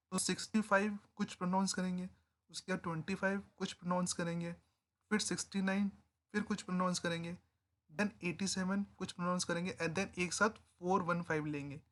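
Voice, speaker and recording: A man's voice: high-pitched, steady tone, a little fast, fairly bright tone. A man giving a casual, conversational Excel tutorial, explaining step by step and often checking in with the viewer. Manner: informal, conversational teaching. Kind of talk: spreadsheet tutorial narration.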